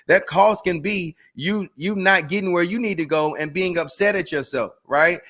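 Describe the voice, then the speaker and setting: Man, high voice, earnest motivational co-host, coaching tone. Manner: earnest coaching, frequent "right?" and soft laughs. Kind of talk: motivational talk show chat.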